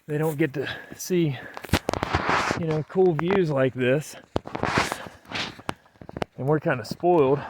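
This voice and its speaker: Man, casual hiking vlog, slightly breathless, rambling with lots of ums, outdoors on a snowy trail, faint hiss. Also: on the high side. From Virginia. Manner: rambling, easygoing, many fillers and restarts. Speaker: vlogger hiking with his son.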